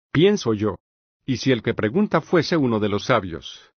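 A male reader voicing Socrates, an older patient philosopher, reading in an even, measured way with long reasoned questions. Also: medium pitch, slightly rough, dry recording, highs cut off, lightly acted. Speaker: audiobook reader. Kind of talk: scripted audiobook reading of a philosophical dialogue.

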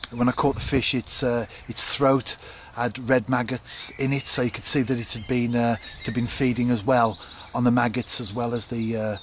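A middle-aged man casually explaining his fishing to a handheld camcorder outdoors on a canal bank, relaxed and chatty with frequent ums. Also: mid-range voice, moderate pace, hardly any pauses. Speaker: angler vlogger. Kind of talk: casual fishing vlog to camera. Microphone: camcorder at arm's length. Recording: outdoor camcorder with clear background noise.

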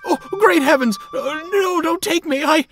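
A man's voice: fairly low pitch, lively intonation, measured pace, faint music behind. A man voicing a proud, pompous male steam engine who talks in a haughty, posh, snappish way. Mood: panicked.

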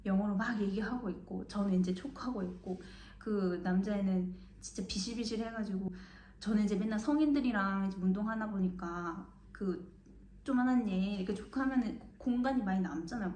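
A woman's voice: mid-range voice, a little fast, a little hiss or hum. Young Korean woman telling a story animatedly. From Mokpo, South Korea. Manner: animated, acts out the people she quotes. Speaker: vlogger. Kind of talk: casual storytelling. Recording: echoey room.

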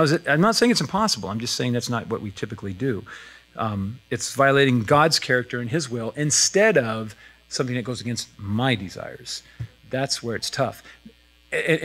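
A pastor preaching with easy chuckles. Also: male voice, medium pitch, fairly bright tone. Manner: conversational, chuckling, frequent fillers and restarts. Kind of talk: sermon. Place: church sanctuary.

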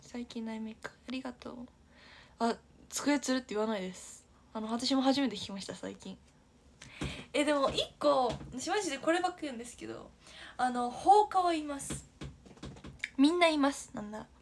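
A woman's voice: high-pitched, animated, moderate pace, vocal fry, pauses often, slight background noise. Chatty, giggly young woman streaming. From Aichi, Japan. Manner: chatty and giggly, often dropping to a near-whisper. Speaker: idol livestream host. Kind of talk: casual livestream chat reading viewer comments.

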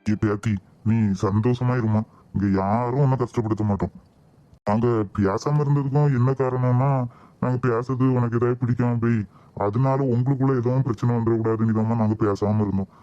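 A kindly old grandfather, as a man puts him on reassures the young bride in a homemade cartoon. The voice is mid-pitched and mellow with a Kanyakumari Tamil accent, steady and fatherly. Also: fairly quick, lo-fi sound, close to an everyday voice. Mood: reassuring. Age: older.

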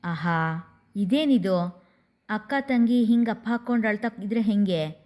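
A woman voicing a warm, motherly middle-aged aunt who coaxes two tearful sisters in a storybook reading. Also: medium pitch, unhurried, natural voice. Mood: coaxing.

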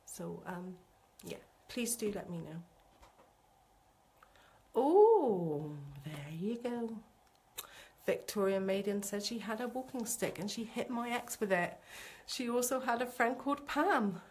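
On a live stream, a psychic medium gives a chatty, excitable spirit reading and keeps calling her viewers sweetie. Her voice sits at a medium pitch and moves at a normal speed.

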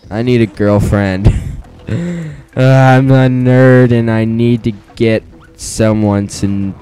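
A man's voice: on the low side, warm tone, rough recording. Rambling teen boy gaming commentary. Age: teens. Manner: rambling, self-deprecating, many fillers and restarts. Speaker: let's play commentator. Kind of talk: casual gameplay commentary. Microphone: weak mic at close range.

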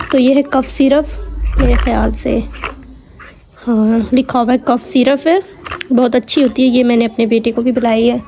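A young mother vlogging from her home, talking her viewers through everyday things in a chatty, step-by-step way. Her voice sits high. The recording is dull and muffled, with steady household noise behind her. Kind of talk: casual home vlog chat.

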